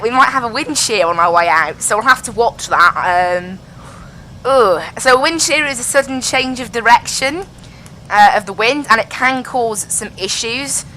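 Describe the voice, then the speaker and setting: A woman's voice: high-pitched, fairly bright tone, a little hiss or hum, poor audio. A woman flying a simulated airliner, talking into a pilot headset and chatting casually as she explains each step. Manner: chatty, explains as she flies, repeats "I have to be honest". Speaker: flight sim pilot and streamer. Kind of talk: casual live-stream commentary over a cockpit headset.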